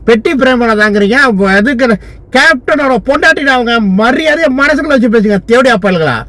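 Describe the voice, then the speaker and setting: A man's voice: very high voice, fairly bright tone, no echo. A man from Tamil Nadu, a lawyer, delivering a furious, abusive political rant full of insults.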